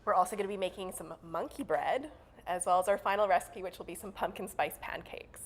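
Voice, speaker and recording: A woman's voice: on the low side, brisk. A woman demonstrating a recipe on a cooking show, upbeat and explanatory, laughing easily. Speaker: dairy expert demonstrating recipes.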